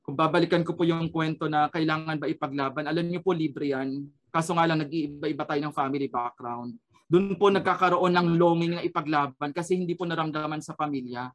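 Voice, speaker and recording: A man's voice: a little high, fairly even intonation, fairly quick. A man sharing an earnest personal testimony as a radio program guest, switching between Tagalog and English and often adding a questioning "no?".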